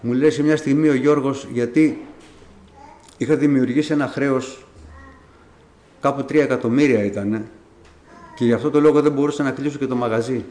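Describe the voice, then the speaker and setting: A man's voice: medium pitch, fairly even intonation, pauses often, mellow. A middle-aged man telling his personal faith testimony to a congregation in a conversational, storytelling way, acting out the dialogue he recalls. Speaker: church member giving testimony. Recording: echoey room.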